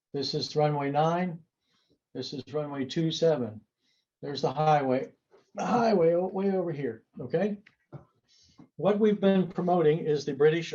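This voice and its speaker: Man, safety seminar instructor, folksy and emphatic, somewhat high voice, dull muffled recording. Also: darkish tone. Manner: folksy, emphatic, with rhetorical asides. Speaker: soaring safety instructor and flight examiner. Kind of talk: seminar lecture drawing on a board. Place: indoor seminar room.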